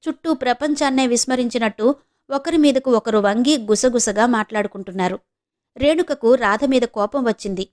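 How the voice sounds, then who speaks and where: Woman narrator, audio novel, steady storytelling, fairly high voice. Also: moderate pace. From Visakhapatnam, India. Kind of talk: novel reading.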